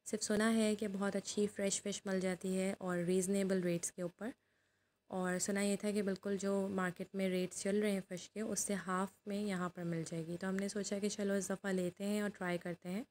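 Steady-voiced woman vlogger. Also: medium pitch, brisk, slight background noise. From Pakistan. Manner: chatty, instructive, steady. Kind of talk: voice-over narration.

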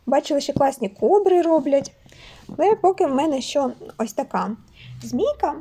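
A woman's voice: high-pitched, expressive, moderate pace, dark tone, a little hiss or hum. A cheerful, chatty woman from Ukraine showing her crocheted toys in a casual vlog. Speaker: crochet toy maker vlogger. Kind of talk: casual show-and-tell chat.

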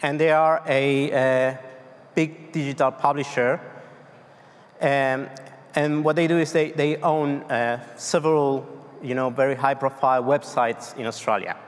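An Argentine conference speaker in his thirties, with a Spanish accent, presents a tech talk in a mid-range voice, using fairly even intonation and a measured pace. He hesitates often, with loose phrasing, fillers and restarts. The large, dark hall gives the on-stage recording a long reverb.

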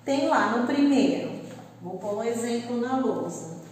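A woman's voice: on the high side, lively intonation, measured pace, darkish tone, a little hiss or hum. A woman teacher giving a recorded lesson to pupils, patiently spelling out syllables. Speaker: school teacher. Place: classroom with a board. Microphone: camera at a distance. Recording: echoey room, far from the mic.

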